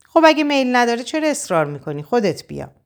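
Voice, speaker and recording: A woman voicing a cold, curt young man in an audiobook, without lowering her voice. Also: sing-song.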